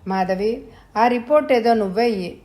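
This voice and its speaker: A woman's voice: on the high side, moderate pace, dark tone, close to an everyday voice. A grown son speaks with urgent command and a calculating edge, voiced by a woman storyteller. Short, pressing sentences. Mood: persuasive. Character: adult son, anxious and calculating.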